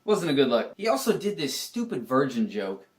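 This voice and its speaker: A man co-hosting a casual review chat, animated and opinionated. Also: mid-range voice, normal speed. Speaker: co-host reviewing a reality show.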